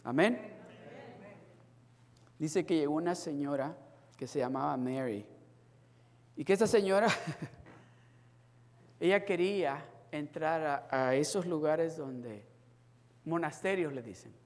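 Slow, emphatic preaching man in a reverberant hall. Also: a little high, a little hiss or hum. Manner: preaching with rising emphasis, acts out quoted people. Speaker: pastor. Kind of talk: sermon.

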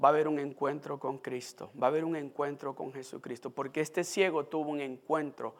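A man's voice: fairly high pitch, steady tone, brisk. A male pastor preaching a sermon, speaking emphatically and addressing the congregation directly.

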